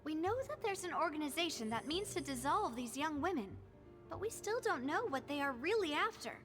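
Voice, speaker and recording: A woman's voice: sits high, animated, a little fast, music in the background. A woman voicing a confident, gracious young noblewoman in a game, speaking in an elegant, old-fashioned transatlantic style. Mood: earnest. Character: poised young noblewoman leading a secret group, confident and gracious. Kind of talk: game voice acting.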